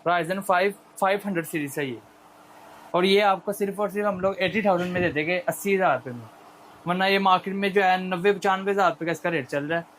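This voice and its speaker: A male shop seller with a Pakistani accent giving an unscripted, persuasive sales pitch in repetitive patter. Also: quick pace, a bit bright, slight background noise, rough recording.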